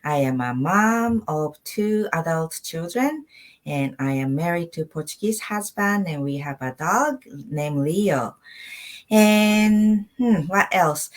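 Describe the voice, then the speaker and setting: A middle-aged Japanese woman speaks English in a low-pitched voice, slowly and with lively intonation. As a guest in an online interview, she tells her personal story conversationally, repeating words for emphasis.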